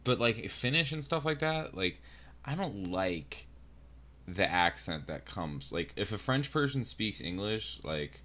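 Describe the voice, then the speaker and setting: Deep-voiced, loose-talking young man. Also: very animated, measured pace, bright, forceful tone. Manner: loose, profane, rambling storyteller. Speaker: podcast co-host. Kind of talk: casual chat.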